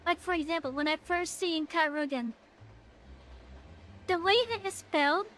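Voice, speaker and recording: High woman's voice from an AI voice changer. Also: normal speed, fairly bright tone. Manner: stumbles over words, restarts sentences. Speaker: game streamer. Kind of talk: casual livestream chat while playing.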